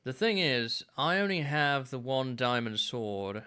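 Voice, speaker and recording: A man in his thirties streaming a game, musing aloud in a relaxed way with plenty of fillers. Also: mid-range voice, a little slow, clean tone. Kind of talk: casual gameplay commentary.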